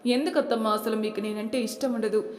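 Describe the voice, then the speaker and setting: A woman's voice: fairly high pitch, steady tone, a little fast, lightly acted. A woman reading the lines of a grieving young wife who pleads through tears, in an echoey room. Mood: tearful. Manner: pleading, tearful. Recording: echoey room with long reverb.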